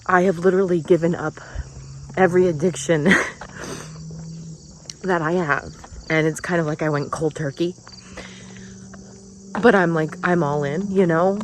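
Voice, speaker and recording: A woman in her forties crying as she talks earnestly in a personal vlog, her words halting and heartfelt. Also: on the low side, steady tone, a little hiss or hum, rough recording. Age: 40s. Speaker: vlogger.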